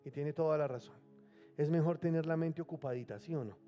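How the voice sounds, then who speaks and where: A man preaching a sermon from the pulpit, his voice high and mellow. He reads scripture with slow emphasis and has the congregation repeat key words. Soft music plays faintly behind him. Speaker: pastor.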